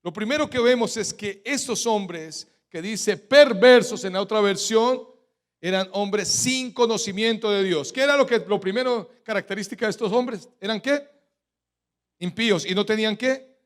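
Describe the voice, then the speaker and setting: Colombian male pastor, high pitch, emphatic sermon cadence with call-and-response questions. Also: normal speed. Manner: rhetorical questions, has the congregation finish his sentences; emphatic preaching cadence with sudden loud stresses. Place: church.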